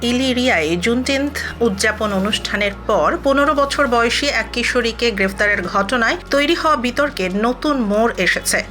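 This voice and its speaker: A woman's voice: fairly high pitch, a little fast, fairly bright tone. A woman narrating a scripted news report as a reporter.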